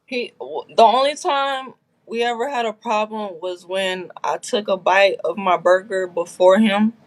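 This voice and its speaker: A woman's voice: medium pitch, unhurried. Woman guest, blunt and candid, recounting her story in a casual chat. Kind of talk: casual livestream interview.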